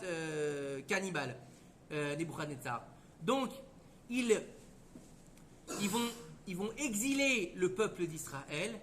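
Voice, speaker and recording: Rabbi telling a torah story, high bright voice, bit of hiss behind. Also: male voice. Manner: lively, conversational, acts out voices.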